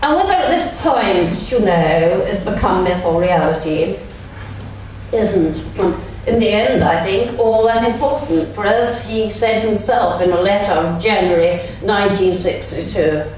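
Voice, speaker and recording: Speaking slowly and reflectively with frequent ums, an older Englishwoman delivers a lunchtime church lecture as a guest, reading quotations aloud and often searching for words. The microphone sits far from her, so her lively, slightly mellow voice booms around the vast, echoey church over a faint hiss.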